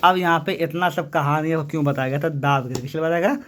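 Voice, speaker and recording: Man, Bihari accent, classroom teacher, quizzes students, rather high-pitched. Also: fast, a crowd in the background. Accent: Bihari Hindi. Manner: quizzes students with repeated questions. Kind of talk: classroom physics lesson.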